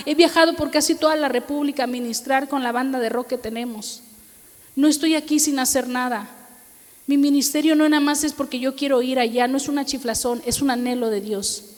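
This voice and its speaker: A woman's voice: high voice, fairly even intonation, fairly quick, in a large hall. A middle-aged woman pastor with a Mexican accent, preaching a sermon and acting out the dialogue of her own story. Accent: Mexican Spanish. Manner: storytelling, acts out dialogue, asks audience for amen.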